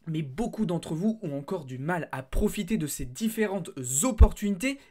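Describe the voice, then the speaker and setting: A man's voice: high voice, expressive, moderate pace, warm tone. A man with a slight lisp on his s sounds, presenting market commentary to viewers. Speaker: crypto trading video host.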